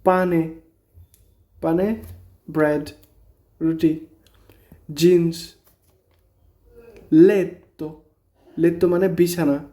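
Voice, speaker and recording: A man teaching a beginner's language lesson, naming each letter slowly and repeating every example word. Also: a little high, dark tone. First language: Bengali. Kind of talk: slow spoken language lesson.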